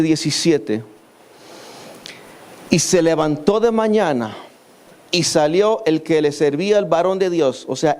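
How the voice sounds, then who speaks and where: A man's voice: a little high, a little mellow. A man preaching a sermon in church, telling a scripture story and acting out its people in quoted lines.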